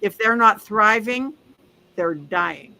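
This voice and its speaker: A woman's voice: mid-range voice, slow, vocal fry, bright, forceful tone. A woman in her seventies co-hosting a wellness talk show, upbeat and emphatic, often agreeing. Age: 70s. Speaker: co-host, wellness coach. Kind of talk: casual talk-show chat.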